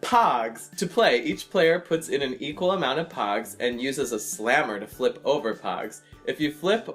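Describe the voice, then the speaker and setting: American guy in his 30s reading his old writing out loud, chatty and self-mocking, music behind him. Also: medium pitch, lively intonation, unhurried. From United States. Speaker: vlogger. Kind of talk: casual chat mixed with reading old diary entries aloud.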